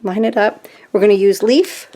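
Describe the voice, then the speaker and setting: Chatty, excitable woman crafting at home. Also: medium pitch, moderate pace, a little hiss or hum. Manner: chatty and easily excited, talks to viewers while working. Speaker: craft tutorial host. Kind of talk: casual step-by-step craft demonstration.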